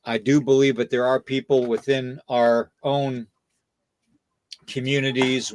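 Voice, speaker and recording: A man hosts a casual podcast in a voice that sits at an ordinary middle pitch. He lectures his listener, punctuating nearly every point with "okay?" and "you know." The sound is dry and close, with no room echo. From United States. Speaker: podcast host.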